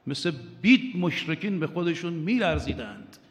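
A man's voice: fairly high pitch, animated, in a large hall. Older man preaching an impassioned sermon. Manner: impassioned, rising and falling emphasis, Arabic quotations. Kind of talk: religious sermon.

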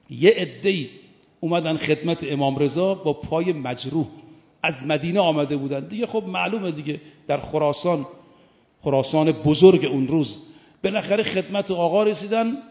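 A high-pitched male cleric preaching a mourning-season sermon, slowing right down on key phrases and then swelling with emphasis. His voice rings through a large hall with a long echo. The recording sounds dull and lo-fi. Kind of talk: Muharram sermon.

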